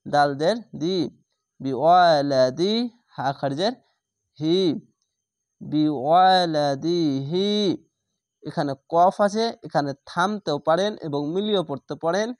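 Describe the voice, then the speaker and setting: In this slow, spelled-out recitation lesson, a fairly high-voiced man names every letter and vowel mark of the Quran text, then blends the syllables together. He offers patient explanations between drills, captured in clean studio sound with no room echo.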